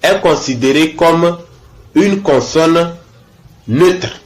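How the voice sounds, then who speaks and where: Slow-paced man teaching a language lesson. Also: on the high side. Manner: slow, repeats each letter and example word twice, checks in with "ok?".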